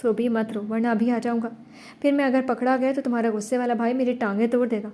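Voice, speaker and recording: A woman voicing a gentle young man who coaxes the girl he loves over the phone. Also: fairly high pitch, steady tone, lightly acted. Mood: tender. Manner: gentle, coaxing. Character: tender young man, devoted lover.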